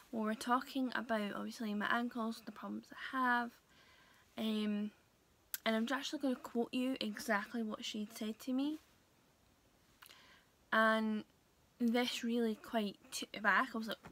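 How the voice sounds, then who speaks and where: A young woman talking casually to her viewers in a vlog, hesitant and full of pauses and fillers. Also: a little high, a bit bright. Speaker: vlogger. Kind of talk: casual vlog talk to camera.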